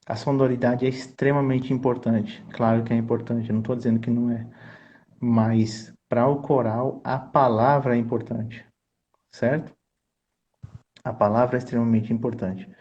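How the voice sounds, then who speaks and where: Earnest choir conductor, dull lo-fi audio. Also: male voice, mid-range voice, level tone, moderate pace, warm tone, a little hiss or hum. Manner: earnest, teacherly, keeps checking in with the listener. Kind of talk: explanatory conversation.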